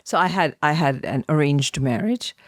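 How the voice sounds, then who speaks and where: A middle-aged Indian actress and filmmaker, with an Indian accent, is a podcast guest answering conversationally and sharing personal stories. Her deep voice is animated and at a normal speed, recorded in a clean studio with no echo.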